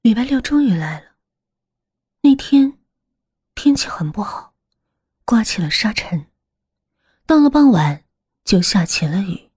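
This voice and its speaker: Female horror storyteller, hushed and breathy, lively pitch swings, close and dry. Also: measured pace, pauses often, no echo. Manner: hushed, breathy, often whispering.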